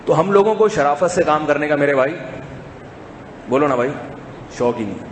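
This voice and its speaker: A man giving an informal sermon, chatting with the audience through rhetorical questions and moving between a raised voice and a hushed one. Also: fairly high pitch, expressive. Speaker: religious preacher. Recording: echoey hall, faint background hum.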